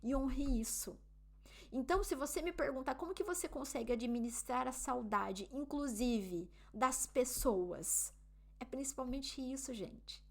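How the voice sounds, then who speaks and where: A Brazilian woman with a Brazilian Portuguese accent speaks casually to her vlog audience. Her voice sits a little on the high side, and her talk is chatty, with frequent little questions to keep the viewer with her. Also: measured pace, creaky, a little mellow. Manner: chatty, often asks the viewer "né?" and "entende?". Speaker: vlogger living abroad. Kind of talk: casual advice talk to camera.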